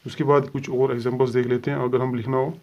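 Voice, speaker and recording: A man's voice: medium pitch, level tone, fast. A man teaching a shorthand lesson step by step, patiently sounding out letters and repeating set phrases. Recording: dull lo-fi sound.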